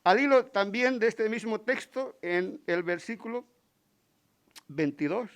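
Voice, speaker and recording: Preaching in church on a Sunday, a man with a Spain Spanish accent reads from the Bible and stops to put rhetorical questions to the congregation. He sounds high, clean and a bit bright, with lively intonation at a measured pace.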